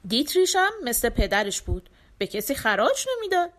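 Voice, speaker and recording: A woman's voice: a little high, big pitch swings. A woman storyteller narrating a folk tale in a scripted, dramatic reading.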